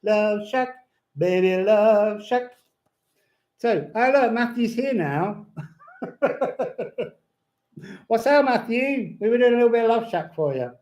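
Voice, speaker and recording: On a home live stream, a man with a very high voice does tarot and astrology readings, very animated yet measured in pace and pausing often. He rambles whimsically and breaks into bits of song, his darkish voice slightly slurred by lips over toothless gums, all through a muffled recording.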